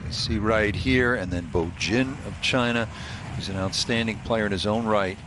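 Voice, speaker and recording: Lowish male lead golf commentator outdoors. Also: moderate pace. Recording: clear outdoor noise behind the voice.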